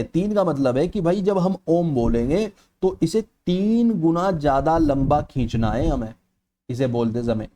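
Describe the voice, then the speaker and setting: In a mellow, mid-range voice, a male instructor walks students through exam preparation in an explanatory way. He often asks "ठीक है," meaning "okay," and stretches vowels to illustrate how they sound.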